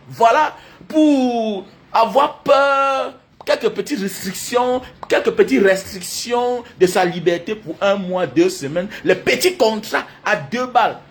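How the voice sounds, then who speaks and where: High, lively man ranting emphatically. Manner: emphatic, repetitive, hectoring with bursts of laughter. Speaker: commentator addressing online critics. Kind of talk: impassioned monologue.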